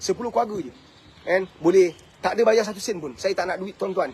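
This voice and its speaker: A man in his fifties with a Malaysian Malay accent, speaking in a rather high, husky voice. He lectures bluntly and preachily, scolding his listeners and firing rhetorical questions at them again and again. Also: fast, darkish tone. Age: 50s. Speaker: motivational speaker and family coach. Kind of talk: preachy talk to camera.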